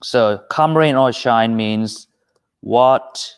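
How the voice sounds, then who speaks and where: A man with a Thai accent teaching English in a live-streamed quiz lesson, patient and unhurried as he reads out viewer comments. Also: mid-range voice, clean tone. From Thailand.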